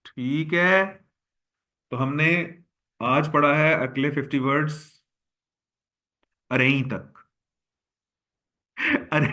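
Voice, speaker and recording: A man's voice: fairly high pitch, steady tone, very slow, pauses often, sharp tone. A man giving a recorded vocabulary lecture, repeating each word as a drill and speaking to his students as boys and girls. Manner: drills words by repeating them. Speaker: vocabulary teacher.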